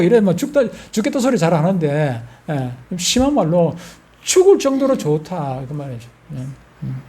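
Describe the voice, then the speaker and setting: A man's voice: high voice, mellow. An older man, a pastor with a Gyeongsang accent, preaching a sermon in a folksy way and putting questions to the congregation. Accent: Gyeongsang Korean.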